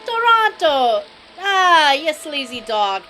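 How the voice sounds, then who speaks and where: A woman's voice: high voice, very animated, slow pace, bright, forceful tone, faint music behind, full character voice, low-quality recording. A woman voicing a sleazy, swaggering middle-aged male mobster with a put-on New Jersey accent, reading game dialogue on a live stream. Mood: teasing. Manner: brash, teasing mob-guy drawl.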